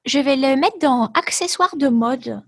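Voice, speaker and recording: Over a video call, a woman teaches vocabulary in an online language class. Her high-sitting voice is animated and a little slow, and she stays patient and encouraging, slipping into English to explain words.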